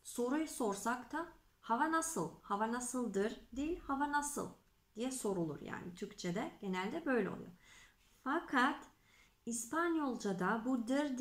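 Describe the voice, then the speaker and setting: A woman teaching Spanish grammar to Turkish speakers, slow and patient, repeating examples and checking in with her students. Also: on the high side, echoey room. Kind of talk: explaining grammar to Turkish learners.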